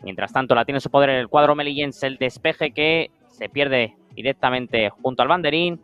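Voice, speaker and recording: A man's voice: mid-range voice, moderate pace, clear, resonant tone, lo-fi sound, faint music behind. A man with a Spain Spanish accent giving live play-by-play of a beach football match in short descriptive phrases. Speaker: sports commentator.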